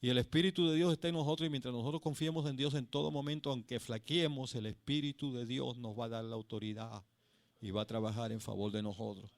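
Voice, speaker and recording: A male pastor preaching a sermon. He tells a story with passion, swinging between loud and hushed, and calls his listeners brother. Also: mid-range voice, fairly even intonation, fast, vocal fry, dry recording.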